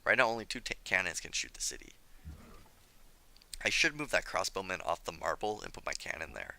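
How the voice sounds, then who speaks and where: A slightly hoarse young man commenting on his strategy game as he plays, chatty and scolding himself for his mistakes. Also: low-pitched, big pitch swings, brisk, pushed and bright. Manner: self-critical, chatty, thinking aloud. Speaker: gameplay commentator. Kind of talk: let's play commentary.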